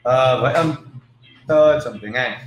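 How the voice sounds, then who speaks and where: A man teaching English pronunciation in a casual video lesson, repeating example words slowly and with emphasis. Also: medium pitch. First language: not Vietnamese. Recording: roomy with faint background noise.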